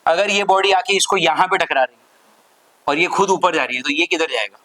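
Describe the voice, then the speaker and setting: A man's voice: fairly high pitch, fairly quick, bright, forceful tone, rough recording. A man teaching a physics lesson, quizzing his students at every step and mixing English terms into his explanations. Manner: asks the class constant check questions, mixes Hindi with English terms. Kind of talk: classroom lecture.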